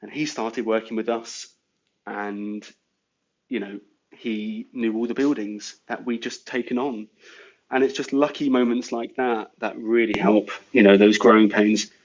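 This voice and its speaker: A man's voice: lowish voice, fairly even intonation, unhurried, highs cut off. An English man telling business stories in a rambling casual chat, full of "you know" and "sort of". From England. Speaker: guest entrepreneur.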